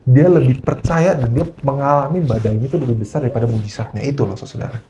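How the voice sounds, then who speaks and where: A male preacher at a church service speaks with an animated, storytelling delivery. He slips English phrases into his sermon and keeps asking the congregation whether they follow. His voice sits at an ordinary middle pitch, with a faint hiss behind it. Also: fast talker.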